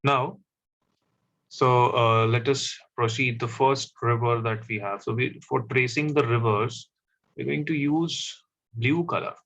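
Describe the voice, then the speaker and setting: A man teaching a class, explaining step by step and often pausing with fillers. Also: medium pitch, steady tone, gravelly, a bit bright. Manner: slow, stop-start explaining with fillers. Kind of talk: classroom map lesson. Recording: dull, slightly lo-fi audio.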